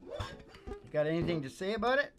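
Close to a stand-mounted vocal mic in a small, dim room hung with curtains, an older music show host rambles casually between songs, opinionated and crudely funny. His voice sits high and is very animated, at a normal speed. Acoustic guitar plays behind him.

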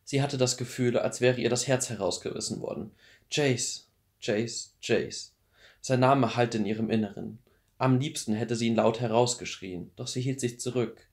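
A man in his twenties calmly reading a novel aloud as a bedtime audiobook. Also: mid-range voice, a little fast. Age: 20s. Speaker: audiobook reader.

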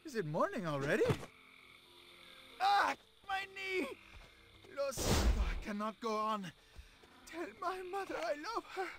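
A high, swooping voice of a wounded man, gasping theatrically. He is a comic game character, buried in loud noise. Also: big pitch swings, a little slow, pauses often, heavily acted. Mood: pained, melodramatic. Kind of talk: cartoonish video game voice acting. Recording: very noisy game audio.

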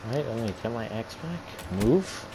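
A man's voice: mid-range voice, animated, moderate pace, noisy background. A man gaming with a friend, teasing him and laughing often. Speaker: gamer. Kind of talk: casual game chat.

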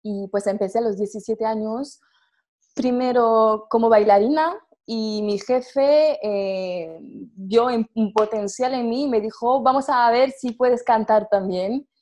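A young woman from France speaking Spanish as a second language with a French accent, answering interview questions over a video call in a lively way, often restarting her words. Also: fairly high pitch, measured pace. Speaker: guest performer. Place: home room with red sofa. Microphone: earphone headset on video call.

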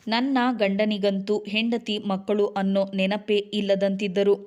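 Flat-voiced woman reading a sad story. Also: mid-range voice. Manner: sorrowful, steady reading. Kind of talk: first-person scripted story narration.

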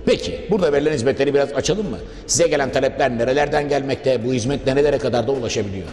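A man hosts a formal promotional TV interview, politely addressing viewers and his guest in long, wordy, formal sentences. He talks at a racing pace in a medium-pitched, darkish voice. The room is echoey and reverberant, with music in the background.

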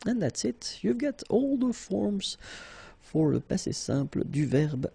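A man's voice: high-pitched, very animated, unhurried, gravelly, warm tone, slightly rough, dry recording. A man with a French accent teaching a language lesson, patiently drilling each verb form aloud. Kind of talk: slow, repetitive language lesson.

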